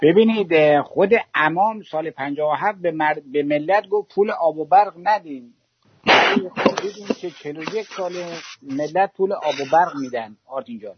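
A man's voice: on the high side, slight background noise. A man from Iran calling in to a talk show and ranting with fiery sarcasm, like he is making a speech. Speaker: caller. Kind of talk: impassioned call-in rant. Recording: dull dry call-in audio.

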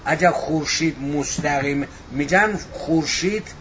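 A man explains things in a halting, rambling way. His voice is muffled, with clear background noise behind it. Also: a little high.

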